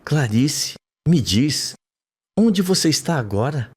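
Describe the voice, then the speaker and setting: A man reading the lines of a doctor who guides a patient through hypnosis in a soft, calm, encouraging voice, for a soap opera recap. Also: on the high side, takes it slowly, slightly rough, full character voice. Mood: soothing. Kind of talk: read-aloud soap recap.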